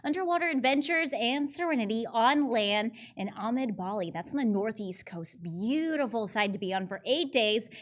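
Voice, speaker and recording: A woman co-hosting a charity event, describing auction prizes in an upbeat, chatty way. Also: a little high. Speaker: event co-host. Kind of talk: presenting auction items.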